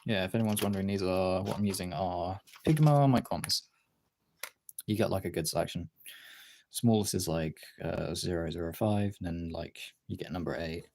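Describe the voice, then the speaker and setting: Here a man speaks at normal speed in a low, creaky, slightly mellow voice. He streams a relaxed art session, chatting loosely and musing aloud as he draws.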